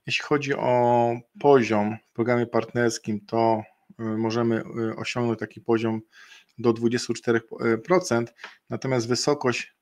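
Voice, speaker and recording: On a video call from an indoor room, a middle-aged webinar presenter with an ordinary mid-pitched, darkish voice explains a partner bonus program over slides. His fairly even delivery is halting, full of fillers and restarted phrases, and slow and deliberate in places as he goes through the figures.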